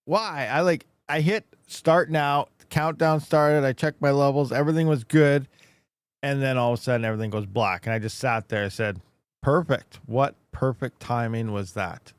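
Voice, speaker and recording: A man hosting a casual, rambling live stream, speaking with slightly slurred, toothless diction and soft S sounds from a swollen mouth after having teeth pulled. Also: medium pitch, steady tone, normal speed, smooth, no echo. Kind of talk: casual rambling livestream chat.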